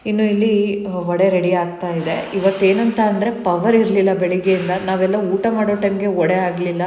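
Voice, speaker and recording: A woman's voice: medium pitch, dark tone. A woman in her thirties from Mysuru, telling chatty, rambling stories as a family vlogger. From Mysuru, India. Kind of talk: casual vlog narration. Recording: echoey, reverberant room.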